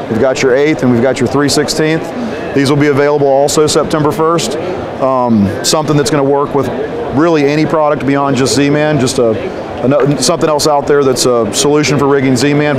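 A man in his thirties, a sales manager presenting products at a trade show booth in an upbeat way with frequent ums. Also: mid-range voice. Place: large indoor trade show hall, at a booth. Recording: busy convention floor crowd noise. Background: crowd chatter.

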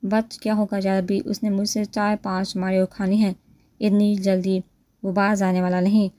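A woman's voice: medium pitch, little pitch movement, dark tone, close to an everyday voice. A woman voicing a sarcastic, irritated young man, read in a plain storytelling voice.

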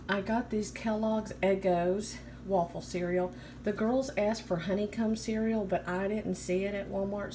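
An American woman in her thirties narrating a haul in a chatty, informal way, as a vlogger on a handheld phone. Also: mid-range voice. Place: home kitchen, indoors. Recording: clear background room noise.

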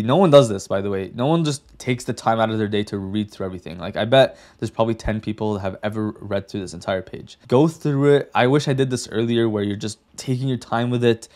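A man's voice: mid-range voice, a little mellow. A young man hosting a casual coding tutorial, chatty and direct, often saying "like" and "okay". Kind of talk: casual screen-share tutorial.

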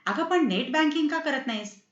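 A woman's voice: sits high, lively intonation, moderate pace, fairly bright tone, reverberant, muffled recording, voice pushed up. Woman voicing an eager young son. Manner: eager, insistent. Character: eager young man, grown son teaching parents.

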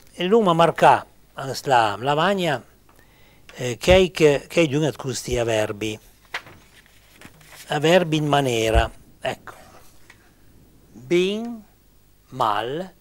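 A man from Argentina leads an informal grammar lesson at an unhurried, deliberate pace. His pitch sits in an ordinary middle range. He halts often, fills pauses and repeats each word as he works through his list. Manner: halting, searching for words, many fillers; slow, deliberate, repeating words. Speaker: language teacher.

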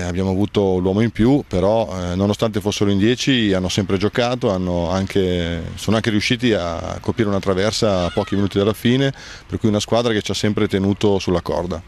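A man giving a measured, slightly hesitant post-match interview as a football club official. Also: low voice, a little mellow. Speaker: football club vice-president.

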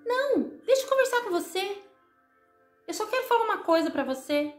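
A woman's voice: extremely high pitch, very animated, a little fast, pitched above the performer's own voice. A woman voicing a lonely, earnest five-year-old girl in a spoken story. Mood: pleading. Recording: echoey room with faint music.

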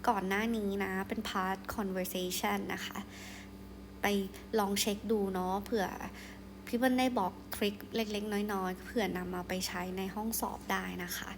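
A young woman tutor walks through exam questions at an unhurried pace. She reads each English sentence, then translates it and explains it gently. Her tone stays soft and friendly, with polite particles throughout. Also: medium pitch, fairly even intonation, a little hiss or hum. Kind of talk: exam-prep lesson, explaining answers.

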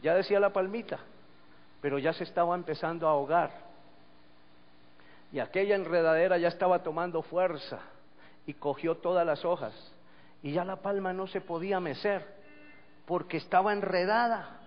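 A man's voice: sits high, fairly even intonation, moderate pace, pauses often. A man preaching a sermon, telling stories and reading scripture with rising emphasis. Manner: storytelling, swelling to emphatic reading. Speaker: pastor. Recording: dull lo-fi church recording with long reverb.

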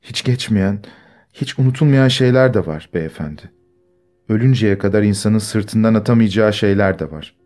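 A man reading the part of a young village woman who quietly tells of being wronged, in a soft, timid way. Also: on the low side, moderate pace, soft background music, natural voice. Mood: solemn. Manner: quiet, timid, restrained storytelling.

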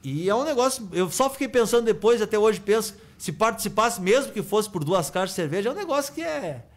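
A man from Rio do Sul, telling an animated story on a radio sports show and tagging his sentences with "né?". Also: sits high, a little fast. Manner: animated anecdote-telling with frequent "né?" tags. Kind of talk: casual studio storytelling. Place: radio studio.

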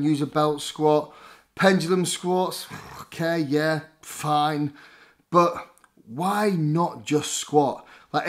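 A man in his thirties from England, a fitness vlogger talking casually and enthusiastically to camera from his living room, with frequent fillers. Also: on the high side. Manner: enthusiastic, chatty, lots of fillers like "like" and "basically". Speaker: fitness vlogger reviewing gyms. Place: living room at home, indoors.

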